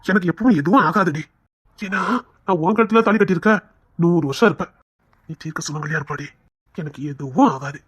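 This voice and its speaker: A man's voice: high-pitched, brisk, slightly rough, no echo, muffled recording. A man voicing a proud, devoted elder brother and husband who soothes and reassures. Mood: soothing. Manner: soothing, affectionate, firm. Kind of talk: audio drama acting.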